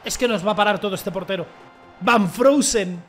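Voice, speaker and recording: A young man giving excited commentary as he plays a football video game, talking to his viewers, swearing and shouting at the referee. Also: sits high, rapid-fire, soft background music. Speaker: gaming streamer.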